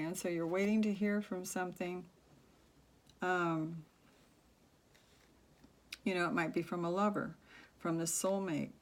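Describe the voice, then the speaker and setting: A soft-spoken woman giving a tarot reading, talking low and halting with many fillers. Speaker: tarot reader.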